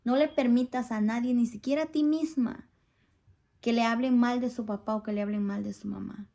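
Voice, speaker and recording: Middle-aged woman, church testimony speaker: earnest and pleading, somewhat high voice with a gravelly edge. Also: fairly even intonation, normal speed, warm tone. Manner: earnest, pleading, asks listeners for agreement. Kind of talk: spoken testimony to a congregation.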